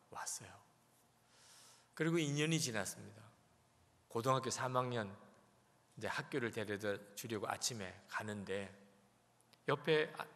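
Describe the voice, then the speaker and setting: Brief: male pastor at a revival service, bright forceful voice, long church reverb. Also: fairly low pitch, vocal fry. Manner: storytelling, acting out quoted voices. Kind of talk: sermon.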